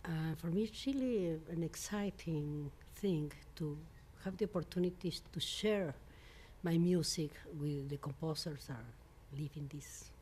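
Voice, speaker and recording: Interviewed as a composer at a New York venue, this woman from Mexico speaks non-native English with a Mexican Spanish accent, stumbling through fillers and restarts. Her voice sits low with a darkish tone, and there's slight background noise.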